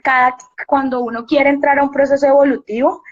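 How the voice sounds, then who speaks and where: Young woman, earnest and reflective, slightly high voice, muffled live-stream sound. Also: little pitch movement, brisk. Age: young adult. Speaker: university teacher and guest. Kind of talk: casual live-stream chat.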